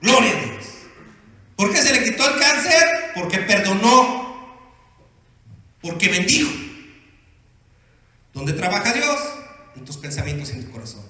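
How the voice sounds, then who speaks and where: A male pastor with a very high, sharp, ringing voice, preaching with emphatic calls to the congregation. His voice swoops widely in pitch. The sermon rings through a big, reverberant church hall. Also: very animated, a little slow, long pauses. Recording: echoey hall with long reverb.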